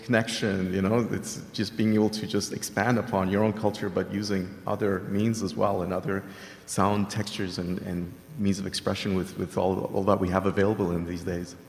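A man from Venezuela with a very deep voice talks earnestly about his craft on a discussion panel. His voice carries through a large hall with a long, ringing reverb. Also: level tone, fairly quick, vocal fry, a little mellow. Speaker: game composer and multi-instrumentalist.

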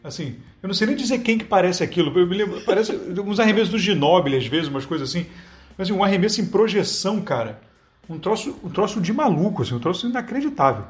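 A man's voice: high voice, very animated, fast talker, roomy sound. A man co-hosting a casual basketball chat, hesitant and full of restarts but enthusiastic. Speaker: co-host commentator. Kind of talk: casual sports commentary chat.

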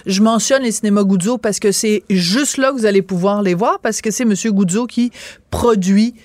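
A woman's voice: medium pitch, moderate pace, a little mellow, no echo. Quebec woman telling a story on radio. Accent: Quebec French. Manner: detailed, storytelling explanation. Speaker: radio columnist and show host. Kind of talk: radio commentary.

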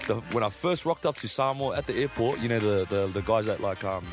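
A man with an Australian accent, a guest in a radio studio, telling stories in a relaxed, slangy way. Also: lowish voice, a little fast. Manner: storytelling, laid-back, slangy. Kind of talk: casual interview chat. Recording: music playing underneath.

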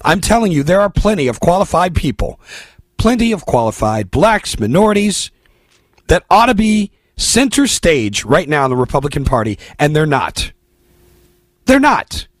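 Blunt american guy doing a talk radio rant, really animated pitch swings, bit husky, preachy and emphatic. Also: normal speed, no room sound. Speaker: political talk radio host. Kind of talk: opinionated talk radio monologue.

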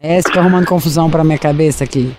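A man's voice: a little high, rapid-fire, a little mellow, soft background music. A man co-hosting a radio prank show, teasing and jokey. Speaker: radio co-host.

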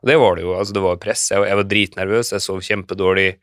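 A man's voice: low-pitched, flat delivery, fairly bright tone, no room sound, clean studio sound. A man in his thirties chatting as a podcast guest, reflective and hesitant with frequent fillers. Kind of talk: casual conversation.

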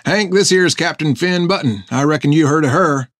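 A man voicing a gruff, folksy male ship's mate speaking in a rustic dialect. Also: on the high side, normal speed, a bit bright, dry recording, studio quality, voice pushed up, close to an everyday voice. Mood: teasing.

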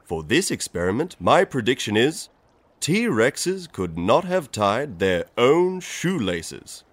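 A jolly, eccentric professor for a children's science show. His delivery is theatrical and very animated, unhurried and slow, in a middle-pitched male voice with a dry, close sound. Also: no echo. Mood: jolly, instructive. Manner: exclaiming, theatrical, with a signature "ah, ah, ah" laugh. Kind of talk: children's educational show acting.

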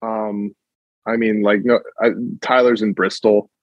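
A man's voice: on the low side, flat delivery, unhurried, no echo. A man in his twenties from Massachusetts talks casually as a band guest over an old flip phone line, stumbling and restarting his words often. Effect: talking over an old flip phone line. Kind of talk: casual interview chat. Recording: muffled lo-fi flip phone call.

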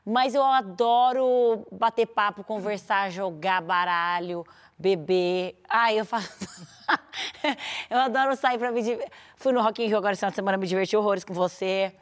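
A woman's voice: mid-range voice, normal speed. A woman with a Brazilian Portuguese accent, a talk show co-host chatting cheerfully. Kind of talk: casual talk show chat.

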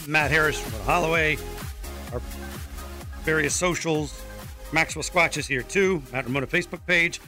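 A man's voice: fairly high pitch, bright, forceful tone. A man co-hosting a radio show, bantering casually, teasing his co-host and reading out listener comments.

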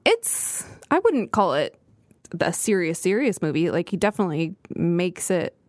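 Animated, lively woman co-host. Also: lowish voice, normal speed, no room sound, clean studio sound. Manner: animated, laughing, acts out scenes. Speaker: podcast co-host. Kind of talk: casual chat.

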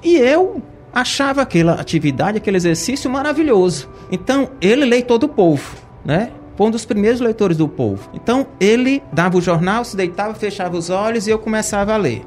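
A man with a notably high voice tells stories as a podcast guest. He talks in a chatty, anecdotal way, often checking in with the listener. Faint music plays underneath. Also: animated, a little fast, darkish tone. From Ceará, Brazil. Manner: chatty, anecdotal, frequent tag questions. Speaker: guest, journalist. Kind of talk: conversational storytelling.

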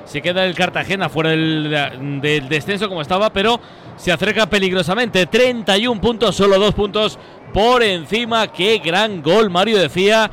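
High-voiced man co-commentating on football. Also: moderate pace, a bit bright, slight background noise. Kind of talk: live football discussion and updates.

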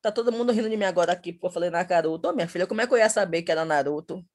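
A woman guest on a podcast, telling a funny story in an animated way and laughing as she talks. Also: lowish voice, racing, slight background noise. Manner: animated comic storytelling, often says "my daughter". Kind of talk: casual podcast chat.

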